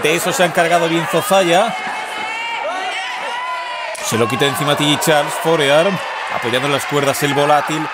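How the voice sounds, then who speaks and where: A man with a Spain accent doing live wrestling commentary, excited and repeating phrases for emphasis. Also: a little high, normal speed, long pauses. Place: indoor sports hall at live show. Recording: noisy echo-prone sports hall, loud crowd. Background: loud crowd and hall noise.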